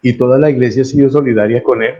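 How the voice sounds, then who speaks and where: A man's voice: mid-range voice, fairly even intonation, fast talker, dark tone, lo-fi sound. A man with a Colombian accent, a pastor preaching a sermon earnestly and repeating key phrases for emphasis.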